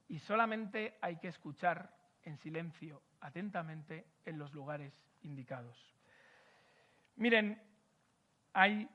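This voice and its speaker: A man's voice: high-pitched, a bit bright, highs cut off. A man hosting a political event, delivering an emphatic speech full of rhetorical repetition before moderating a panel.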